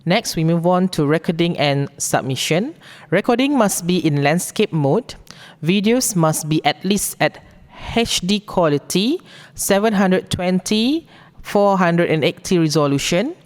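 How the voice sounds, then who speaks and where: A woman with a Malaysian accent presents a formal briefing, reading out rules in a deliberate, instructive way. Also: fairly low pitch, lively intonation, a little mellow. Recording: long echoing hall reverb.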